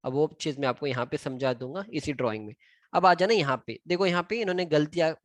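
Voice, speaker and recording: Indian guy walking through structural drawings, fairly high voice, dry close mic, counts stuff out loud. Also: quick pace, no echo. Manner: mixes Hindi and English, counts items aloud while pointing. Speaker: civil engineering instructor. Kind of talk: screen-recorded drawing tutorial.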